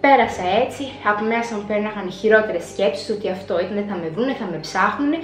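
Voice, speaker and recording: A young woman telling a personal story in a vlog, acting out her own past words with dramatic flair. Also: medium pitch. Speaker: vlogger. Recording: echoey room with faint music.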